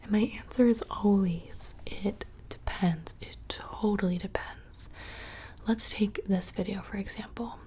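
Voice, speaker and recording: A woman's voice: mid-range voice, a little slow, mellow. A young woman whispering casually and close to the microphone, rambling through questions in an ASMR video. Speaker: ASMR creator. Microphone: close studio microphone.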